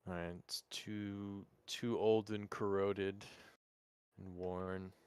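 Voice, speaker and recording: A man playing a tabletop game, talking hesitantly in halting phrases. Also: low-pitched, flat delivery, smooth, no echo, clean studio sound. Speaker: player. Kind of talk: casual tabletop game chat.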